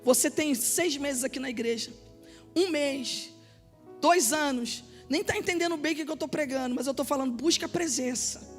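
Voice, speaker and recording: A woman pastor, preaching an impassioned sermon that builds to shouted, repeated appeals. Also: sits high, normal speed, over music. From Brazil. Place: church sanctuary. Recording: reverberant church hall.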